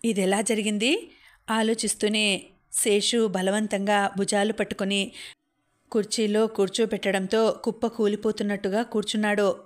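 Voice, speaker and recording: A woman narrating a novel aloud in a measured, scripted storytelling manner. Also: mid-range voice, level tone. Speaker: audio-book narrator.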